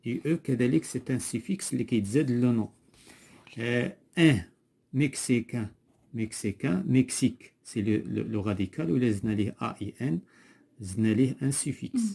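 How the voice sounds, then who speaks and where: A male schoolteacher with a Moroccan Arabic accent walks through a lesson patiently, repeating each term and leaving gaps for a pupil to fill in. His voice is mellow and dark, with a slightly husky edge, at a middling pitch. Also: quick pace. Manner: patient, repetitive, prompts a pupil to finish words. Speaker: primary school French teacher. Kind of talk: classroom lesson explanation.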